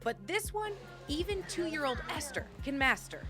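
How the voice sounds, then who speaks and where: A woman's voice: high voice, animated, normal speed, over loud music. A woman hosting a travel show, narrating in a bubbly, enthusiastic way.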